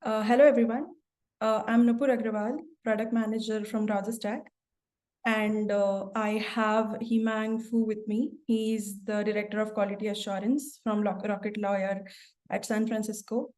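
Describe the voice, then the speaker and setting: A product manager hosts and moderates a work webinar, speaking hesitantly with lots of fillers and restarts. Her voice is medium-pitched and level in tone, slightly mellow, at a moderate pace.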